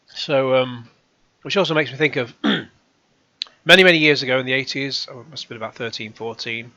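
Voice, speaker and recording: A middle-aged man hosting his own channel, reading out comments and answering them with sarcasm and rambling asides, his voice going hoarse. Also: mid-range voice, normal speed, sharp tone, dry recording, lo-fi sound. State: hoarse, coughing. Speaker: YouTube channel host.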